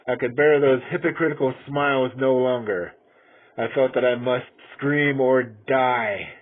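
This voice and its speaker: A man playing a cunning, mad murderer who confesses in a theatrical gothic horror reading, swinging between hushed control and frenzy. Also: medium pitch, measured pace, pitched above the performer's own voice, lightly acted. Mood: frantic, raving. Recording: tinny band-limited audio with clear noise.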